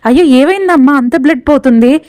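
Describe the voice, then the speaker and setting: A woman's voice: sits high, a little fast, a little mellow, no echo, clean studio sound, natural voice. A woman playing an urgent hospital doctor. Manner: urgent, instructing.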